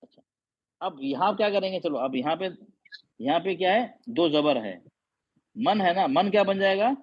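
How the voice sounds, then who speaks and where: A man's voice: high-pitched, lively intonation, normal speed, slightly rough. A male Quran teacher explaining reading rules in an online class, patiently quizzing his students again and again. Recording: dull lo-fi audio.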